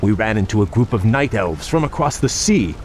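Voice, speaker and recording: Prince Kael'thas, deep-voiced proud elf played by a man. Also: animated, brisk, a little mellow, slight background noise, close to an everyday voice. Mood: deferential. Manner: noble, formal, restrained. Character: proud elven warrior prince, dutiful but resentful. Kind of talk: video game cutscene acting.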